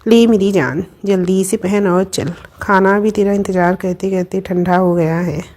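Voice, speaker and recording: A woman's voice: medium pitch, normal speed, darkish tone, lightly acted. A woman doing a teasing young woman friend. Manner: teasing, bossy and affectionate.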